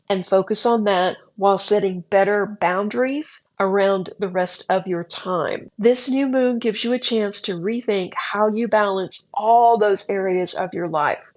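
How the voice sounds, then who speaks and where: A woman's voice: medium pitch, darkish tone, highs cut off. A woman reading a horoscope forecast, chatty and encouraging with a wry edge. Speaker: astrology reader.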